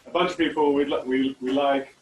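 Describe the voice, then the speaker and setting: A man's voice: medium pitch, fairly even intonation, a little fast, reverberant, far from the mic, poor audio. A man co-hosting a casual online teachers' meetup, rambling with lots of fillers and restarts over a video call. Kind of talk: casual chat.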